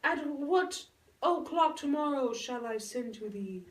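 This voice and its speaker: A woman playing a lovestruck, earnest young noble girl in a puppet show, speaking Shakespearean verse in a theatrical, drawn-out way. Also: high voice, lively intonation. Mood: yearning. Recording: roomy echo, distant microphone.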